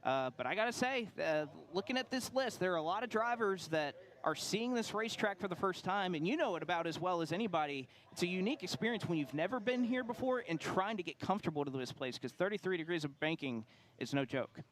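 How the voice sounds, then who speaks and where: Male race commentator at a racetrack, higher-set voice, analytical, conversational delivery. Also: animated, quick pace, fairly bright tone. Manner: explanatory, analytical.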